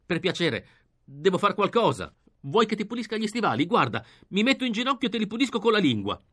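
Guy reading, doing a young thug begging, high and bright, strained pleading. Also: sing-song, moderate pace. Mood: desperate pleading. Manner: pleading, pitched up and pushed louder. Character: desperate young male delinquent begging. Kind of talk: audiobook reading.

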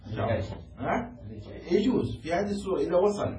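Teacher in an echoey room, slightly high voice. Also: male voice, big pitch swings, rapid-fire, dark tone. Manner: often checks that the students follow; quizzes students and has them repeat words. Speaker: Islamic law teacher. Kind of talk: classroom lecture explaining a text. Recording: echoey room, distant mic, faint noise.

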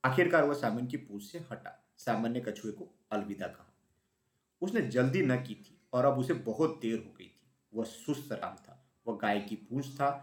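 A man telling a children's story aloud with expressive storytelling. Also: mid-range voice, normal speed. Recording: roomy echo.

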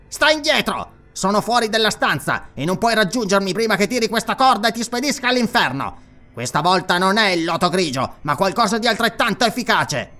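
A gloating, treacherous priest with a raised, lively voice that sneers with irony at every turn, as a male narrator puts him on. He speaks in a strained, sharp tone that swings up and down. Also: high voice, voice pushed up, heavily acted. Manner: sneering, ironic. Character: sly mocking treacherous male red priest.

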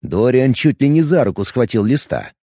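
A man narrating a fantasy audiobook in expressive, scripted narration. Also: medium pitch, normal speed, no room sound, clean studio sound.

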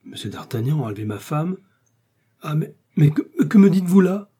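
A man's voice: a little fast, dark tone, slightly rough. A man voicing a frightened, anxious middle-aged shopkeeper who pleads and protests in a storybook reading. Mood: pleading. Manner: pleading, protesting, rising pitch.

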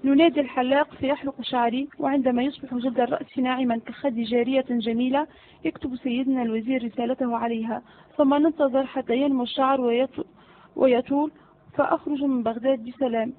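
A woman reading the part of a cunning male servant who flatters his master. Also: high-pitched, fast talker, a little hiss or hum, natural voice. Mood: sly. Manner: flattering, sly. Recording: phone-like narrow audio.

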